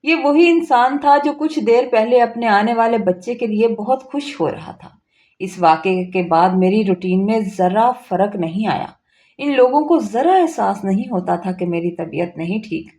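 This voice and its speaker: Plaintive woman storyteller, mellow voice. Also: a little high, normal speed. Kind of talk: emotional first-person story narration.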